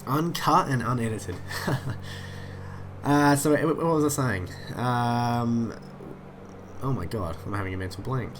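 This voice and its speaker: This man, a YouTuber who plays flight simulators, sounds nasal from a head cold as he speaks slowly in a medium-pitched voice against a noisy background. His casual commentary wanders, he keeps losing track of his point, and he scatters "uh" fillers everywhere.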